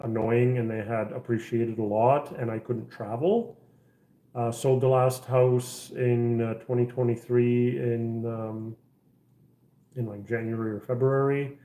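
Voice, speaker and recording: A middle-aged man from the Czech Republic talks casually to his livestream viewers from his house. His voice is mellow and dark, and he rambles through plenty of ums and false starts. The room around him is echoey. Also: mid-range voice. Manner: rambling, many fillers and restarts. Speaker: livestream host. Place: house interior.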